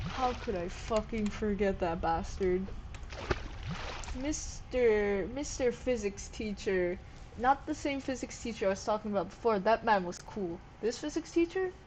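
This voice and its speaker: A tired, sleep-deprived woman rambles through a casual vlog, cursing freely and hopping from one thought to the next. Her voice sits at an ordinary middle pitch. A clear hiss of background noise runs under the recording. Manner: rambling, swearing, jumps between topics. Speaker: vlogger.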